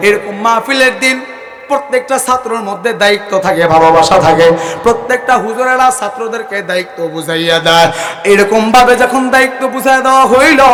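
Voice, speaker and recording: Tearful high-pitched Bangladeshi male preacher in echoing hall. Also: fairly bright tone. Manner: tearful, wailing, pleading delivery. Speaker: preacher at a religious gathering. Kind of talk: impassioned waz sermon with drawn-out melodic chanting. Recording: echoey PA hall with long reverb.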